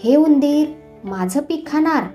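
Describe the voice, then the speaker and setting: A hot-tempered, mustached village farmer bellows and fusses in a cartoon storybook, voiced by a woman narrator. The voice sits high and is shouted loud. Soft music plays faintly behind. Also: expressive, measured pace. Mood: angry. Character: angry middle-aged male farmer, mustached.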